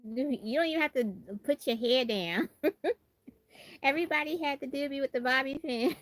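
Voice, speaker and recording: Here a livestream host from Brooklyn, New York chats in a casual, expressive way, doubling up on phrases to stress them. She's a woman with a country Southern-flavored American accent, medium pitch and a fairly bright tone, recorded with no echo.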